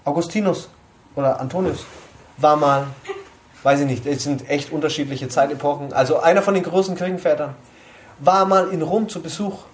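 Guy preaching casually to a small group, voice sits a bit high, keeps asking "you know?", faint room noise. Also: steady tone, normal speed. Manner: conversational, asks listeners often. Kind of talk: informal sermon.

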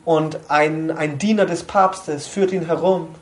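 Chatty German preacher with a higher voice. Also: male voice, steady tone, a little slow. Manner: conversational, asks listeners often. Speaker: preacher at a small church group. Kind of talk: informal sermon.

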